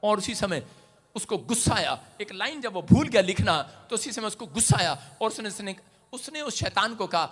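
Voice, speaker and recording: Preacher guy, high voice, bright and sharp, goes quiet then yells out. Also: moderate pace, slightly rough, long reverb tail. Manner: animated, swings from hushed storytelling to loud shouted exclamations. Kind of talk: Hindi sermon with storytelling.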